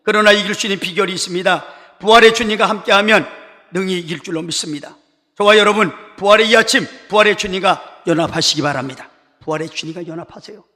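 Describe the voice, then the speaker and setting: A male pastor exhorts his congregation with emphatic, repeated phrases. His voice is high and bright. It carries through a sanctuary with long reverb. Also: fast. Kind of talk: sermon. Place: church sanctuary. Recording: reverberant church hall.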